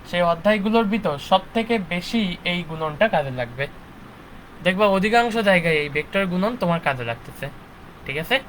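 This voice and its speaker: A man's voice: high voice, a bit bright, slight background noise, poor audio. A young man teaching a live online physics lecture, checking in with his students after nearly every point. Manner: checks in constantly with "ঠিক আছে?" and "okay". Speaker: physics instructor.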